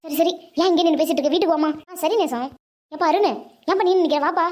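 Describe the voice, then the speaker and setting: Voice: extremely high pitch, fast, a little mellow. A performer voicing a fond, scolding older village grandmother in a cartoon. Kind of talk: cartoon voice acting.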